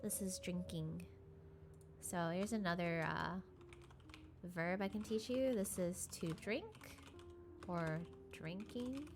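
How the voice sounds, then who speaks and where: A woman's voice: on the low side, takes it slowly, pauses often. Woman, casual live-stream lesson, chatty, many fillers, faint music and typing behind. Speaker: streamer teaching Korean.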